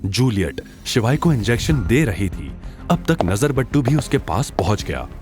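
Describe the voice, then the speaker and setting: Over a music bed, a low-voiced man narrates a dramatic audio story at a moderate pace. His scripted storytelling delivery is lively, rising and falling throughout.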